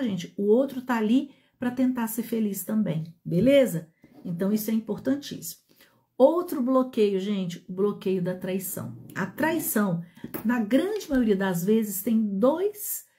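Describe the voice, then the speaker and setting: A Brazilian woman with a warm, slightly high voice gives a teaching talk on relationships. She addresses her audience directly in a Brazilian Portuguese accent and keeps checking that they're following along.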